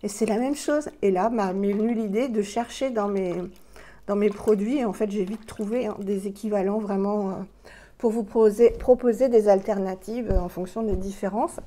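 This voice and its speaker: Casting note: middle-aged woman, mellow tone, a little breathless, chatty home beauty vlogger with a clip-on mic. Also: mid-range voice, fairly even intonation, moderate pace. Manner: chatty, many fillers and restarts, demonstrating products. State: slightly out of breath. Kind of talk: casual product review. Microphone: plugged-in microphone.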